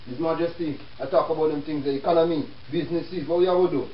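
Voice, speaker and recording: Male, Jamaican accent, Rasta preacher-lecturer, fairly high voice, heard far from the mic. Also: fairly even intonation, fast talker. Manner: preaching, rhetorical, peppered with check-in questions. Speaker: self-help show host. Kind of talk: Rastafarian speech, informal lecture with readings. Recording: echoey room, distant mic, dull with hiss.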